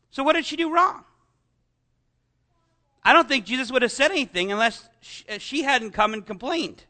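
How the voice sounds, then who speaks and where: A man's voice: high voice, sharp tone. A man preaching a conversational sermon, full of asides and rhetorical questions to the congregation.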